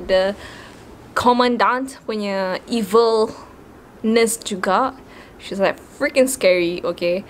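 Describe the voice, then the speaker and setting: Chatting casually about books, a young woman with a Malaysian English accent mixes Malay words into her English. She's a book vlogger whose voice sits on the high side, with a bit of background noise in the clip.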